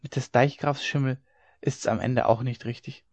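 A man voicing an excited young farm maid who breathlessly tells eerie rumours to the other servants. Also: medium pitch, moderate pace, no room sound, natural voice. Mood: whispering. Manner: breathless, hushed when telling secrets.

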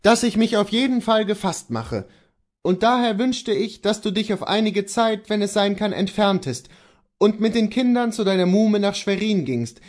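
A man voicing an earnest horse dealer in a classic story, speaking to his wife in a measured, gently persuasive way. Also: sits high, lively intonation, voice pushed up. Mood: earnest resolve. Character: earnest horse dealer husband, steadfast and tender.

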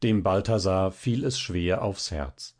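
Steady male audiobook narrator. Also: low voice, takes it slowly. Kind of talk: audiobook narration of a classic tale.

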